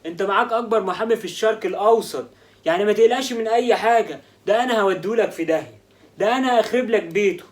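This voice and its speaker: A man's voice: high-pitched, rapid-fire, natural voice. An actor with an Egyptian accent playing a boastful, joking con-man lawyer in a comedy sketch. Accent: Egyptian Arabic. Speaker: con-artist lawyer named Adel.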